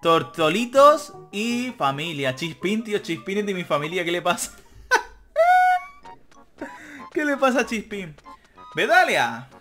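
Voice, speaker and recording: This young gaming YouTuber speaks at normal speed in a high, sing-song voice, joking through a let's-play, reading out the game text and swearing casually over faint background game music.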